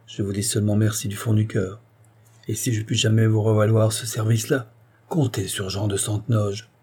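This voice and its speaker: A man's voice: on the low side, level tone, moderate pace, a little mellow, breathy edge. A man reading a proud, fiery young nobleman in an audiobook, with a declamatory, indignant delivery. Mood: grateful.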